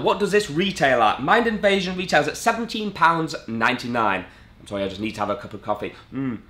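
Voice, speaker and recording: A man reviewing a magic product in a casual, rambling way, full of asides. His voice is bright and forceful, and it rises and falls a lot. The room around him is echoey. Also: a little high. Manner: chatty, rambling, enthusiastic asides.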